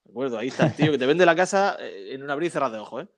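A man's voice: mid-range voice, lively intonation, racing. Chatty man telling football stories. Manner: chatty storyteller, frequent tag questions. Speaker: podcast co-host. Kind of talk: casual football chat.

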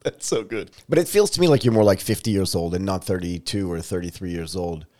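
A man hosting a podcast interview, asking questions in a lively, joking way. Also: deep voice, a little fast. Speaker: podcast host.

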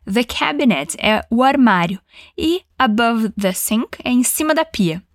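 A woman teaching an English lesson, giving encouraging prompts and modelling phrases slowly for the listener to repeat. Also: fairly high pitch, animated, no echo, studio quality.

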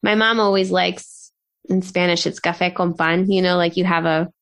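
A woman's voice: lowish voice, little pitch movement, normal speed, a bit bright, clear, resonant tone. A woman in her thirties from Southern California, co-hosting a podcast in casual, upbeat chat with plenty of fillers and laughter. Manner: chatty, upbeat, laughs often, scattered fillers. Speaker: podcast co-host.

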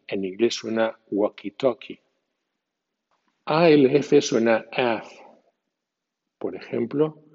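Slow deliberate male language teacher. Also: mid-range voice, gravelly, a little mellow, slightly rough. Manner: slow, deliberate letter-by-letter spelling. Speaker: English pronunciation teacher. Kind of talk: recorded spelling lesson. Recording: dull lo-fi recording with long reverb.

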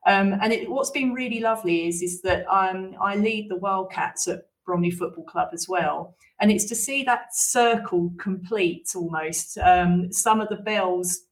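A woman's voice: medium pitch, measured pace, few pauses. Woman, 30s, grassroots club founder; hesitant, um-heavy, slightly distant mic. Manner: warm, hesitant with many ums. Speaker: women's football club founder. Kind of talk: radio interview answer.

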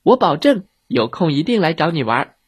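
A clever, cheeky little girl from a children's audio story, as a storyteller puts her on, pitched up high and bright. She plays innocent with a slightly husky edge, and her voice leaps up and down as she chatters. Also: big pitch swings, fairly quick, no echo. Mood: cheerful.

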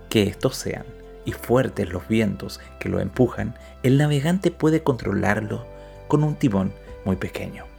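A man narrating a moral story and reflection in a measured, scripted way, with emphatic swells. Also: fairly low pitch, creaky, warm tone.

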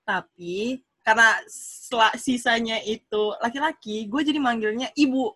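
A young woman, telling a story in a relaxed, easygoing way. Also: fairly high pitch, a little slow, breathy edge. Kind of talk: casual chat.

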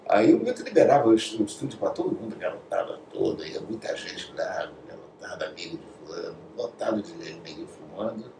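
Animated Brazilian man telling stories. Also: on the low side, fairly quick, few pauses. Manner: animated storyteller, acts out quotes, drops to whispers. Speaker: guest. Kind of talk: casual anecdote telling. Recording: echoey room, distant mic, faint noise.

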